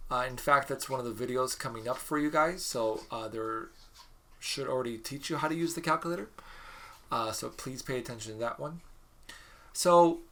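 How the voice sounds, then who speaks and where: A man's voice: medium pitch, sharp tone. A man teaching a recorded math mini lecture, working problems aloud in a chatty, joking way. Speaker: math instructor.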